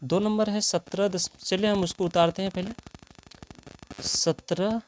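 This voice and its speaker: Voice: mid-range voice, fairly even intonation, a little slow. A math teacher, working through problems step by step and asking rhetorical questions along the way.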